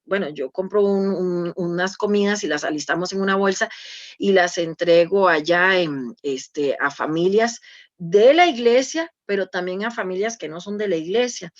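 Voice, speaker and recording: A woman's voice: mid-range voice, muffled recording. A woman with a Costa Rican accent, telling a church conference a testimony in an earnest way, with many fillers and restarts. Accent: Costa Rican Spanish. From Costa Rica. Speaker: church speaker.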